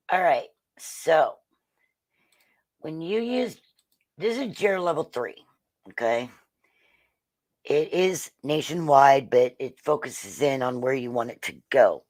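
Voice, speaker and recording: A slightly hoarse host casually explaining weather radar on a livestream, halting with frequent ums and throat clearing. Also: medium pitch, no echo.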